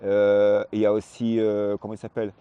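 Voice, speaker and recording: A hip-hop graffiti artist in his forties, born in Réunion and based in Paris, chats casually in an interview, hesitant, repetitive, and slangy. His lowish, mellow voice is brisk and monotone, with a clean, echo-free but dull sound.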